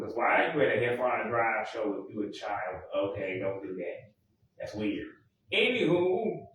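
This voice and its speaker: A man rambling in a casual monologue, often correcting himself and filling pauses. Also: mid-range voice, a bit bright, a little hiss or hum. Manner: rambling, self-correcting, many fillers. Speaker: music vlogger. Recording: echoey room, mic far off.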